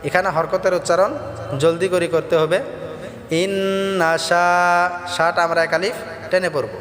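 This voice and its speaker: A high-pitched male teacher leads a recitation lesson, drawing each verse out in a slow, melodic chant before breaking into brisk explanation. His voice rings through a roomy space with a long reverb tail. Faint music sits underneath. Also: fairly even intonation, fairly bright tone.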